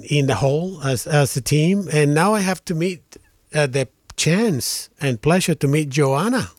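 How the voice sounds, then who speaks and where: A man's voice: a little high, dry recording, clean studio sound. A man hosting a radio show, talking in a friendly way that often stumbles and restarts sentences. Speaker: radio host. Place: radio studio.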